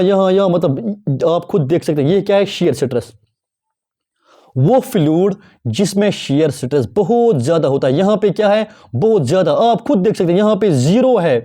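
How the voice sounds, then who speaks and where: A male teacher giving a recorded exam-prep lecture, asking questions and answering them himself, repeating key terms and slowing down to read definitions word by word. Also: high voice, mellow.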